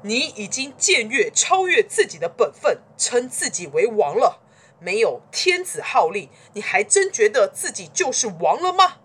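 A stubborn, self-important ancient duke who declaims every line loudly and grandly, as a woman storyteller puts him on. His pitch swings widely as he lectures, in a storybook told to children. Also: sing-song, measured pace, husky, heavily acted. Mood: proud. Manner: lofty, declaiming, loud.

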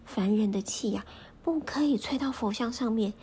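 A bright, bold little boy monk, not yet ten, clever beyond his years, put on by a woman telling a storybook tale. His voice sits high and a little breathy, with a mellow edge. He sounds like a child who is sure of his own wit. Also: moderate pace. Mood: triumphant.

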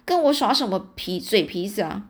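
A woman's voice: mid-range voice, expressive, moderate pace, close to an everyday voice. A woman voicing a sly, hostile sorcerer who makes demands in a storybook reading. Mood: scheming.

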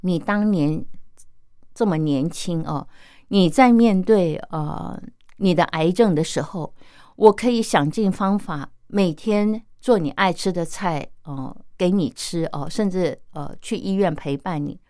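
A woman voicing her elderly sick aunt, plaintive and softly complaining, in a dry recording. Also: lowish voice, a little slow, no room sound, natural voice. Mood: weary.

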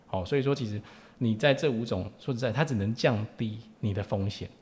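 A man's voice: fairly low pitch, a little fast, a little mellow. A man with a Taiwanese Mandarin accent explaining informally as an expert guest, punctuating phrases with particles and tag questions. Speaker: lawyer, podcast guest.

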